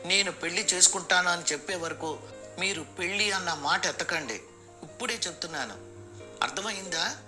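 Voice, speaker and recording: A jittery young man dreading his wedding, as a male storyteller plays him, talking in a flustered, hurried way that turns sharp. His voice sits a little high, with music underneath. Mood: angry. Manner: flustered, then sharp and angry. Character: nervous young man, anxious groom-to-be.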